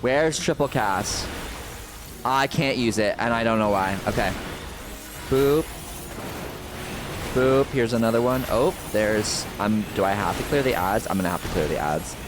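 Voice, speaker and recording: A man's voice: on the low side, moderate pace, music in the background. A man doing casual, playful game commentary, thinking aloud and swearing now and then as a streamer. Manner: playful, self-talking, sweary.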